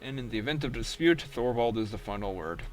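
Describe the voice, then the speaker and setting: A man's voice: mid-range voice, animated, fast, close to an everyday voice. A man voicing a stern male camp gatekeeper who lays out the rules in a matter-of-fact way, reading game dialogue.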